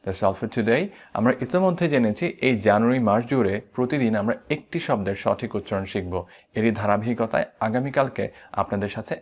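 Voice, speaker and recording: A man with a Bangladeshi accent teaching an online English pronunciation lesson, saying each model word slowly and repeating it. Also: fairly low pitch. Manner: slow deliberate model words, repeats them.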